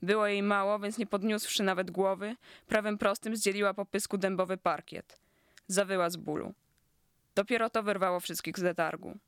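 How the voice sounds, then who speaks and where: A narrator reading literary prose aloud, and the tone stays sardonic and biting. The voice is smooth and resonant at a middle pitch. The recording is close and dry, with no reverb. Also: steady tone, normal speed, a bit bright. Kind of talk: scripted narration of a literary story.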